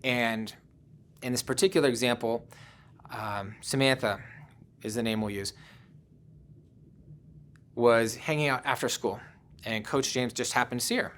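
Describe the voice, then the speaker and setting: A man's voice: medium pitch, a little slow, long pauses, fairly bright tone. Conversational man giving a talk. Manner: conversational, personal anecdotes, frequent "um" and "you know". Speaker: conference speaker. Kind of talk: virtual presentation talk.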